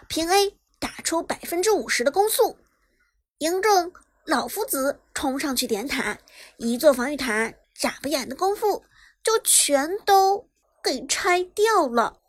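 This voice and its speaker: A woman narrating a web novel chapter in brisk storytelling style, lifting her voice on the action. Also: sits high, lively intonation. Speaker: audiobook narrator. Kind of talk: scripted narration.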